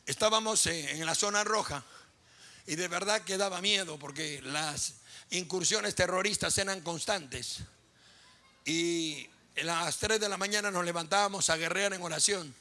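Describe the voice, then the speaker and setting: A man's voice: high-pitched, moderate pace, sharp tone. A man preaching a sermon as pastor, impassioned and repetitive, telling stories vividly.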